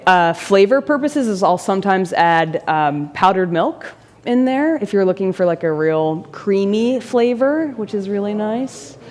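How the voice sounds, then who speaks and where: A woman's voice: mid-range voice, expressive, measured pace, a little mellow, big-room sound. A woman presenting a baking demonstration at a church forum, answering audience questions in a friendly, casual way. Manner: friendly, answers questions by name, laughs easily.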